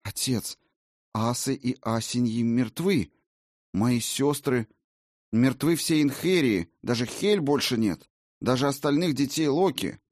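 A man's voice: medium pitch, animated, a little slow, a little mellow, dry recording, clean studio sound, voice pushed up, close to an everyday voice. A man reading an audiobook, voicing a young warrior valkyrie woman who is bold but shaken, asking faltering, pleading questions.

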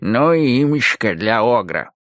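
A man's voice: mid-range voice, sing-song, unhurried, a bit bright, dry recording. A curious young ghost who keeps pestering the others with questions, sounding close to the narrator's own voice, as a male reader puts him on. The recording is dry and close.

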